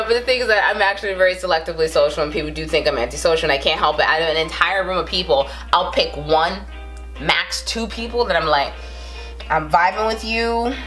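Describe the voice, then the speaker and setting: A woman's voice sits low with a fairly bright tone. She's a vlogger in her thirties from the Bronx, New York, speaking with a Brooklyn accent and chatting to camera in a rambling way, with frequent fillers and laughs at herself.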